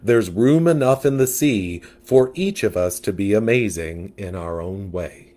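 A man's voice: on the low side, expressive, a little slow, mellow. A man voicing a sassy, gossipy male catfish who dramatically gives life advice in a storybook. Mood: sassy advising.

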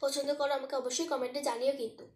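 Fast, high-voiced woman talking with her mouth full. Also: flat delivery, roomy sound. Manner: chatty, praising the food between bites. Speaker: eating show host. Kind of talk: casual eating vlog chat to viewers.

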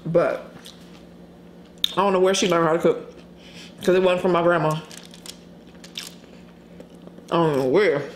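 A woman vlogger chatting candidly while eating on camera, pausing to chew and hum over her food. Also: on the low side. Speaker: mukbang vlogger. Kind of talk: casual mukbang chat while eating. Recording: echoey room, faint background noise.

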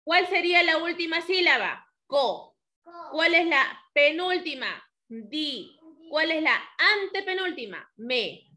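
A woman teacher with a Peruvian Spanish accent, teaching a classroom lesson slowly and patiently, asking the class questions. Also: very high voice, lively intonation, sharp tone.

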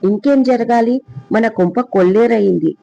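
Shrill, sneering aunt for a storybook, a man putting her on; dull lo-fi sound. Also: normal speed, creaky, no echo. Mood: shrill accusing. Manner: shouting, accusing, mocking. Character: loud scolding middle-aged aunt.

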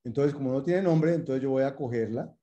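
A man's voice: medium pitch, a little fast, warm tone, lo-fi sound. A man teaching a programming class, explaining patiently and repeating himself, checking in with students while he types code live. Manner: patient, repetitive explaining with rhetorical check-ins; addresses students formally, thinks aloud while typing. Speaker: programming lecturer. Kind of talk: lecture with live coding.

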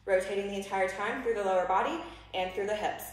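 A woman's voice: mid-range voice, fast talker. A young woman working as a fitness instructor, giving workout directions and clipped counted cues while exercising. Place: large living room, indoors. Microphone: distant camera microphone across the room. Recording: very echoey room, distant camera mic.

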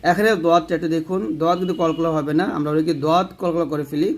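A man teaching Quran recitation rules, patiently repeating points and drilling syllables slowly. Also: fairly high pitch, level tone. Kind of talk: tajweed lesson, spelling out letters.

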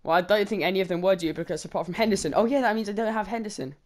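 A man giving lively, bantering commentary while opening game packs. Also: high voice, very fast. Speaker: gaming channel co-host. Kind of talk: casual pack-opening commentary.

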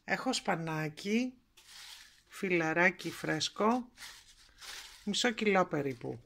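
A woman's voice: on the low side, expressive, creaky, a bit bright. A woman presenting a home recipe in a kitchen, explaining each step in a homely, chatty way. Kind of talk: cooking tutorial narration.

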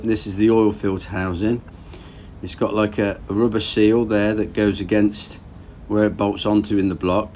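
A fairly low-pitched man in his thirties talks casually through his boat engine rebuild in a garage, thinking aloud as he goes. He sounds relaxed and plain-spoken, with slight background noise in the recording.

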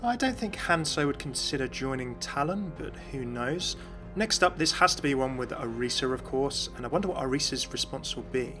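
A man with a mid-range voice and lively intonation talks at a moderate pace over music. He's hosting a game lore video, running through voice lines in an enthusiastic, chatty scripted voice-over.

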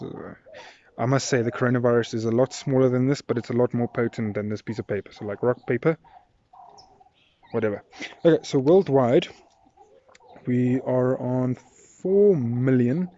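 A young South African man talks through his day in a loose, filler-heavy ramble, his voice sitting at an ordinary middle pitch. He films himself outdoors in a yard with a phone at arm's length, so the sound comes through slightly dull and lo-fi, with faint outdoor noise behind him. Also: warm tone. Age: 20s. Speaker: vlogger. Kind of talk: casual vlog chat.

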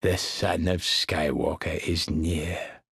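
A man playing a sinister, gloating old emperor in a video game, with a raspy, croaking voice and a menacing, theatrical drawl. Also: low voice, level tone, takes it slowly, a bit bright, no echo, clean studio sound, heavily acted. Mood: cold, scheming. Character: sinister, gloating old male galactic emperor, cruel and imperious. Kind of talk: video game villain acting.

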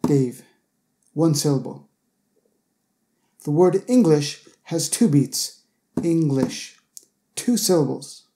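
A man teaching English pronunciation in a scripted lesson, with a mellow, warm tone. He breaks words down slowly, enunciating each syllable with care. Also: fairly high pitch, animated. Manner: slow, careful enunciation of example words.

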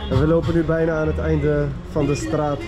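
A man's voice: a little high, flat delivery, fairly quick, over loud music. Enthusiastic young man on a walking tour. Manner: enthusiastic, chatty, addresses viewers directly. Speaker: vlogger, tour guide. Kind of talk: casual walking-tour narration. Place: outdoor narrow city street with murals, walking.

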